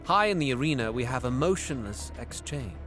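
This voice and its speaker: In an audio drama, a man voices a bitter, scheming young alien prince, narrating and speaking dialogue in the first person with a theatrical, disdainful delivery that relishes cruelty. His medium-pitched voice is a little bright, a little fast, and lively in intonation, close to an everyday voice. The mood is brooding and disdainful, with soft background music.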